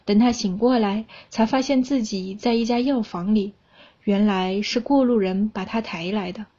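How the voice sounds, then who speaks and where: Young woman reading a story, husky. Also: mid-range voice, normal speed, dark tone, lo-fi sound. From China. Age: young adult.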